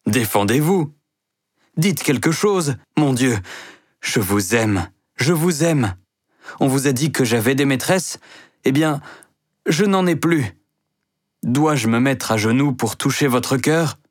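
A man's voice: lowish voice, measured pace, pauses often, dry recording, clean studio sound, lightly acted. A man playing a proud, passionate wealthy store owner who speaks sternly. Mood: pleading.

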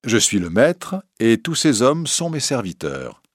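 A man's voice: mid-range voice, wildly swooping pitch, a little slow, no room sound, clean studio sound, voice pushed up. A man voicing a bold, generous outlaw who speaks with confident, mocking politeness. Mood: assured, mocking. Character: bold, generous male outlaw, young adult.

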